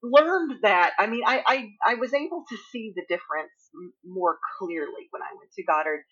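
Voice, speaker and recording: A woman's voice: a little high, very animated, moderate pace, fairly bright tone, slightly rough, dull audio. A woman with a Southern accent from Appalachia, a writer telling stories in a casual conversation with many restarts and laughs. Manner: chatty storyteller, laughs often, many restarts. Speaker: guest writer.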